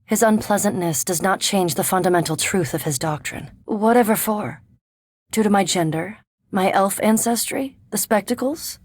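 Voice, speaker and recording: An actress plays a haughty, scholarly elf vampire in a fantasy video game, speaking with formal, precise diction and dry, disdainful sarcasm. Her female voice is medium-pitched and close to how she'd normally talk, recorded dry. The mood is wry and sarcastic.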